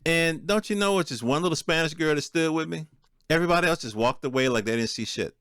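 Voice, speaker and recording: A man with a fairly high, slightly bright, clear, resonant voice talks fast in a studio-quality recording with no echo. He hosts a podcast alone, riffing off the cuff in a streetwise, colloquial style peppered with profanity. It's a casual, unscripted solo monologue.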